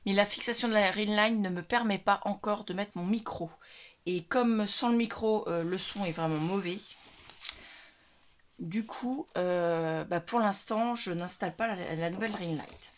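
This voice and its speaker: Woman vlogger, mid-pitched, chatty showcase of craft supplies, paper rustling and clicking right by the mic. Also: a little slow, a little hiss or hum. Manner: chatty, describes items one by one with many fillers. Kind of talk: casual product showcase. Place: home craft room lit by ceiling light.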